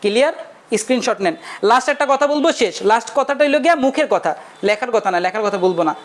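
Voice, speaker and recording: A man's voice: very high voice, animated, rapid-fire. A young male teacher giving a casual online lecture, chatty and forever checking whether his students have understood. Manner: chatty, keeps asking students if they understood.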